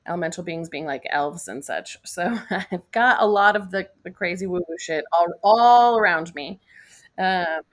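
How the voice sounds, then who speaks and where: A woman's voice: fairly low pitch, moderate pace. A woman from the US west coast, a life coach guest, talking animatedly and laughing easily in a casual interview. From west coast of the United States.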